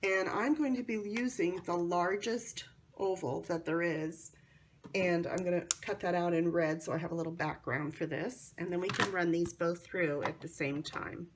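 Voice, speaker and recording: An American woman with a hoarse, cold-affected voice hosts a casual how-to craft demonstration in a chatty, enthusiastic way. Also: lowish voice, fairly even intonation, moderate pace, noisy background. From North Carolina, United States. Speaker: craft tutorial host.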